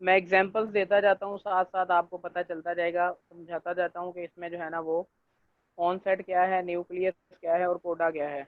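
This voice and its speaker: A male lecturer gives an online class, explaining step by step, checking in with students and filling pauses with stock phrases. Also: sits high, flat delivery, no echo. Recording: dry, tinny phone-like line.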